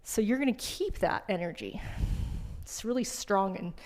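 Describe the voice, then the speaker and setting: A woman's voice: mid-range voice, lively intonation, normal speed. A woman teaching a yoga class, giving casual, chatty cues and asides while breathing hard. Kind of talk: guided yoga class instruction.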